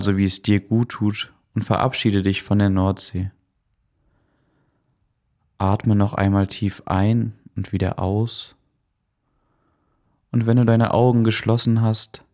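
A man softly and calmly narrating a guided meditation in a soothing manner, as the host of a relaxation podcast. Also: on the low side, a little slow, long pauses.

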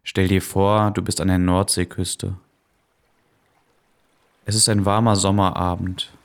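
A man softly and calmly narrating a guided meditation in a soothing manner, as the host of a relaxation podcast. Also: deep voice, unhurried.

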